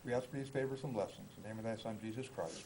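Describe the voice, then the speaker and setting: A man with an American accent giving a public invocation in solemn, halting phrases. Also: fairly low pitch, gravelly, heavy background noise. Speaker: council meeting invocation giver. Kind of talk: public prayer. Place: council meeting room.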